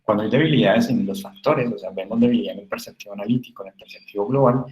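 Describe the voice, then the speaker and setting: A man's voice: lowish voice, fast talker, darkish tone. A man giving a recorded class lecture, explaining patiently with frequent tag questions and fillers. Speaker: university lecturer. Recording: echoey room with faint noise.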